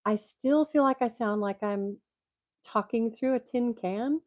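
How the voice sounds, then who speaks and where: A woman's voice: a little high, measured pace, dry recording. Older woman with a tinny tin-can sound. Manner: chatty, rambling, laughs often. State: congested. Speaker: vlogger reading jokes. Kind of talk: casual chat. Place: at home. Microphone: microphone clipped to her glasses. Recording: dull lo-fi tinny recording, dry.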